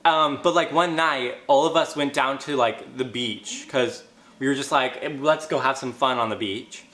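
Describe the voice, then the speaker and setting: A young man in casual chat with his siblings, telling a story with excitement and acting out the quotes. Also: mid-range voice, moderate pace, echoey room.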